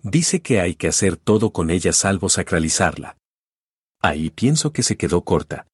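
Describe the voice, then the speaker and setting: A man reading a scripted literary essay in a measured, even way. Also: sits low, breathy edge, dry recording, clean studio sound. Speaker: guest contributor.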